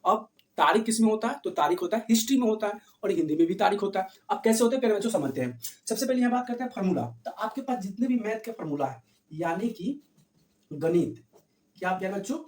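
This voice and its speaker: A man's voice: high voice, animated, fast talker, a little mellow, recorded from a distance. Male teacher, quizzing students with repeated rhetorical questions; roomy echo, mic set back. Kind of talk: classroom-style exam revision lesson. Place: room with camera set back from the speaker. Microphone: distant camera mic. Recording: echoey room, voice from afar.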